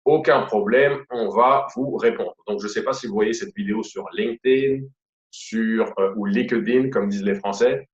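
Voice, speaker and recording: A man's voice: lowish voice, normal speed. A man with a Quebec French accent giving a casual sales lesson, chatty and full of fillers and repeated stock phrases. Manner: chatty, repeats "voilà" and "tout simplement", many fillers. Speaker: sales trainer. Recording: roomy, dull lo-fi audio.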